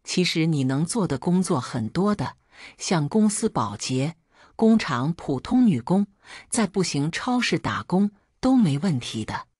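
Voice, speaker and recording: A woman's voice: lowish voice, very animated, measured pace, a little mellow, slightly rough, no room sound, clean studio sound, heavily acted. A woman reading as a caring young daughter. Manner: earnest, caring and encouraging. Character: sympathetic young adult daughter.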